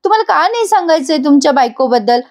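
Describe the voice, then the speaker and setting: A woman's voice: high voice, lively intonation, quick pace, darkish tone, voice pushed up. A woman voicing a cheeky young female student who pleads and teases. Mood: pleading. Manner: pleading, teasing.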